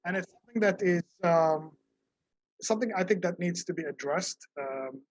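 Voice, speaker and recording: A man's voice: high voice, normal speed, no room sound, low-quality recording. A man hosting a podcast interview in a friendly, casual way, with frequent fillers and repeated words. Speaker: podcast host.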